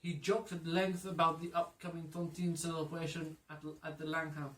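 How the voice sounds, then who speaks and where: A man's voice: on the high side, flat delivery, moderate pace, fairly bright tone, slight background noise, close to an everyday voice. A man voicing an elderly Frenchman, an old friend of a general, speaking formally with an attempted French accent. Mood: courteous. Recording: echoey room, mic far off.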